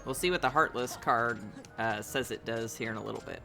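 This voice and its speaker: A man's voice: medium pitch, fairly quick, vocal fry, over music. A man giving casual gameplay commentary, chatty and talking to viewers, laughing often. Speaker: let's play host.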